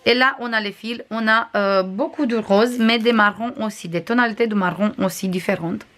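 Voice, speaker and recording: A woman crafts vlogger with a non-native accent, casually reviewing and showing items to the camera, often pausing with hesitations. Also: on the high side, a bit bright, soft background music. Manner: chatty, frequent hesitations, shows items to camera.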